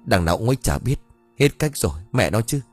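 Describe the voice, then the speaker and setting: A man's voice: fairly low pitch, very animated, quick pace, soft background music. A man voicing a greedy young husband who is defiant and scheming, talking brusquely and defensively.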